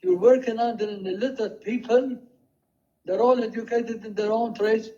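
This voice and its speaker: An older man recounting his working life in a rambling, halting way, with many restarts and quoted dialogue. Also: high voice, fairly even intonation, warm tone. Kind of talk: rambling personal storytelling. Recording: dull lo-fi home recording.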